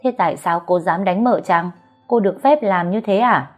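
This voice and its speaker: A woman's voice: mid-range voice, normal speed, faint music behind, close to an everyday voice. Woman reading as a stern, steely older housekeeper. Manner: stern and firm.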